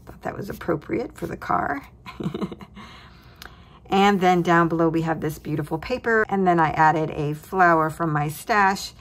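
Slow, low-voiced woman crafting host. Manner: cheerful, chuckles at her own remarks. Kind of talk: relaxed crafting walkthrough. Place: tabletop craft desk, indoors.

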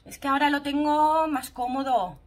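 A chatty woman with a Spanish accent and a fairly high voice reviews makeup for her followers, gushing over each product. She talks casually and warmly to the viewers. The camera sits in a ring light a short way off in her room. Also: normal speed. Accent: Spanish from Spain. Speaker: beauty vlogger. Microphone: camera mounted in a ring light, a bit back.

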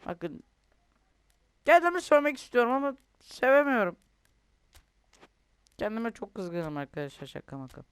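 A man's voice: extremely high pitch, big pitch swings, normal speed, long pauses, fairly bright tone, clean tone, dry recording. A young man commentating his own football video game, ranting and complaining with lots of swearing. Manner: frustrated, swears often, rants and complains. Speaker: gaming youtuber.

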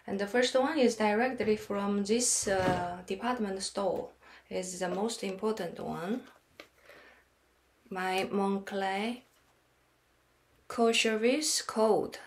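In a small room at home with echoey sound, a female fashion vlogger does a casual unboxing and try-on. She speaks slowly and haltingly in a mid-range voice, with many pauses and fillers.

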